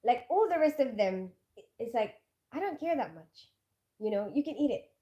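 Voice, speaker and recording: Her voice is on the high side, very animated and warm, at a moderate pace. The vlogger chats casually with viewers live, reading their comments and filling her speech with fillers and asides.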